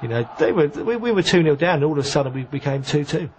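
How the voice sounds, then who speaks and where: A man's voice: a little high, animated, fast talker, slight background noise. A man, a former footballer, recalling events in an interview, hesitant and casual with many fillers. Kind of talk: interview recollection.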